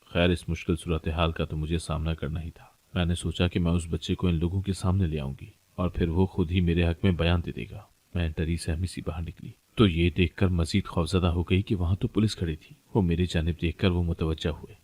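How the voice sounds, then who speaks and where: Deep-voiced male storyteller. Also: flat delivery, hardly any pauses, darkish tone, dry recording. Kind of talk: scripted narration of a moral story.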